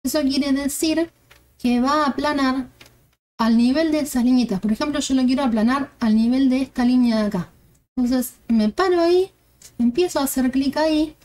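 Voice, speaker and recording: A woman's voice: high-pitched, normal speed, darkish tone. A woman, walking through a game tutorial step by step and thinking aloud as she works. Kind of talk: screen-recorded game tutorial.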